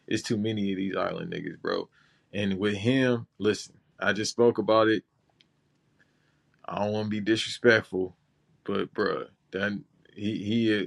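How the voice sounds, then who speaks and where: A man's voice: fairly low pitch, vocal fry, fairly bright tone. A man from Los Angeles co-hosting a casual chat show, talking loose and slangy with lots of restarts. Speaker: podcast co-host.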